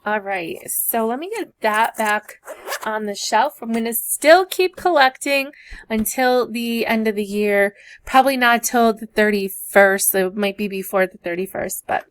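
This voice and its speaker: A teacher who runs a budgeting vlog chats casually while doing savings challenges, thinking aloud as she goes. Her voice is on the high side and a little slow, with some hiss or hum in the recording.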